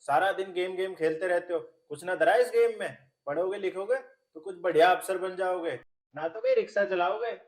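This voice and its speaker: An actor playing a stubborn, cheeky young village husband with a Haryanvi accent, loud and quarrelsome with quick comic retorts. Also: male voice, high-pitched, natural voice. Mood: lecturing. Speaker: comic lead in a village film.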